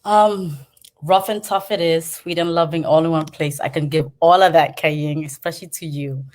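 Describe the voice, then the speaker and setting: Passionate middle-aged woman, low voice. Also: steady tone, normal speed, darkish tone. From Cambodia. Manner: passionate, circling with fillers and restarts. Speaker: panelist. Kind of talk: personal storytelling on a panel.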